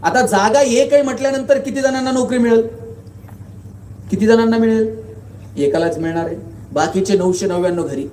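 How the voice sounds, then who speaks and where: A man with a high, mellow voice delivers a motivational speech, spinning humorous stories and pressing the crowd with rhetorical questions. He sounds set back from the mic in an echoing hall, with faint noise behind. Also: moderate pace, pauses often, distant mic. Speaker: guest speaker.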